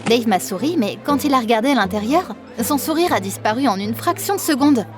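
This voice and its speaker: A woman narrating an animated first-person story in a lively, expressive, dramatic manner. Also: fairly high pitch, brisk, music in the background.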